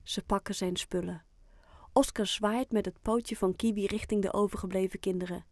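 A woman narrating a children's audiobook in a calm, clear storytelling manner. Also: mid-range voice, normal speed, no room sound, studio quality.

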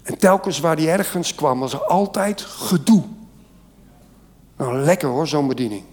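A man's voice: on the high side, lively intonation, measured pace. Fervent preacher man in a reverberant hall. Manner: fervent preaching with rising emphasis. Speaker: pastor. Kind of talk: sermon. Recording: long church hall reverb.

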